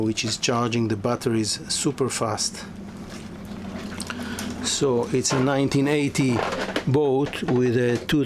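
Slow-talking man touring a sailboat. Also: mid-range voice. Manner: halting, many fillers and restarts. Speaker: yacht broker. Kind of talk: walkthrough tour. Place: inside a sailboat cabin. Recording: noisy ambience.

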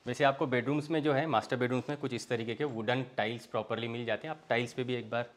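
A man's voice: mid-range voice, fairly even intonation, quick pace. Man, young adult, real estate walkthrough, inviting sales tone, indoors, phone camera. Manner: friendly sales patter, inviting viewer along. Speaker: real estate tour host. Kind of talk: property walkthrough. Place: indoors, large villa interior, walking room to room.

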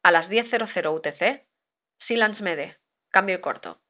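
A woman's voice: fairly low pitch, lively intonation, normal speed, no echo. A woman instructor reciting formal marine radio calls in set procedure wording. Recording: dull lo-fi recording.

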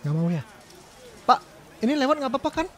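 A man's voice: extremely high pitch, sing-song, brisk, fairly bright tone. A young man from Indonesia giving joking game commentary, playful and teasing, laughing often. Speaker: gaming YouTuber.

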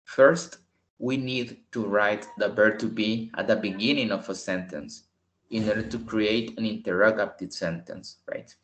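A man teaching an online English lesson, explaining slowly in English and repeating the points in Spanish over a video call. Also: fairly low pitch.

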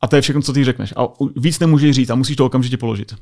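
A man's voice: medium pitch, warm tone. A Czech man, a US Air Force sergeant, telling anecdotes in a casual interview, full of filler tags. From Czech Republic.

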